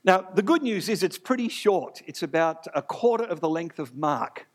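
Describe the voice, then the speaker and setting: A man's voice: high voice, lively intonation, moderate pace. A man preaching a sermon to a live church congregation, chatty and joking with them as he talks. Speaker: pastor.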